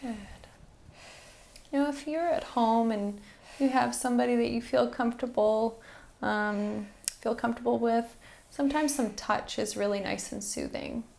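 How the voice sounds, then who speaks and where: A woman instructor softly guiding a breathing exercise in a soothing, encouraging manner, with background noise in the recording. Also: a little high, unhurried. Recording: faint-to-clear background noise and ambience.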